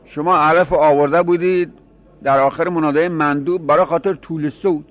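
A man's voice: a little high, fairly even intonation, lo-fi sound. A man teaching a grammar class, explaining by repeating examples and asking his students questions.

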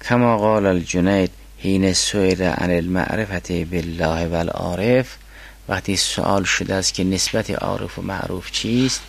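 Gravelly deep-voiced male teacher lecturing. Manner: reads classical quotations slowly, then explains them. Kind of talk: lecture on a mystical philosophy text.

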